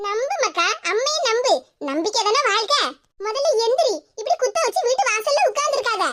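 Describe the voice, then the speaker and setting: A woman's voice: very high-pitched, animated, brisk, noisy background. A woman voicing an older cartoon grandmother who scolds her daughter and then sweet-talks her. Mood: coaxing. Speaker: mother. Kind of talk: Tamil cartoon voice acting.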